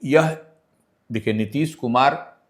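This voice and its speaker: A man's voice: medium pitch, slow. A man analysing politics on a news discussion, explaining at length and emphatically. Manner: explanatory, emphatic, asks listener to decode.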